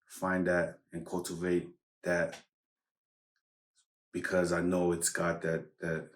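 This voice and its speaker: Low monotone guy chatting slowly on a podcast, kinda hesitant, echoey room. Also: recorded from a distance. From United States. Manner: unhurried, hesitant, reflective. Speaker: podcast guest. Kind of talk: casual chat.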